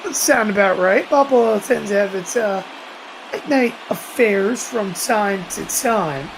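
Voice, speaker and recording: A woman's voice: medium pitch, takes it slowly, noisy background. A woman doing emphatic, conversational play-by-play baseball commentary on a live stream.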